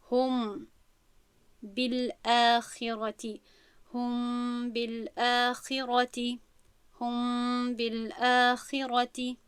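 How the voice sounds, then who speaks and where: Woman teacher going over recitation rules, kinda high voice, dry close sound, patient and careful. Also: a bit bright, no room sound. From Central Asia. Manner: explanatory, patient, slow drawn-out recitation of examples. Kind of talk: tajweed lesson explaining rules with recited examples.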